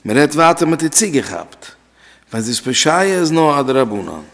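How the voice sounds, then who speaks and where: A man with a gravelly, creaky voice gives a class on religious law. He repeats his key phrases and asks questions aloud. His voice rings out with a long reverb, as if in a hall. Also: on the high side, big pitch swings, normal speed, fairly bright tone. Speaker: religious teacher.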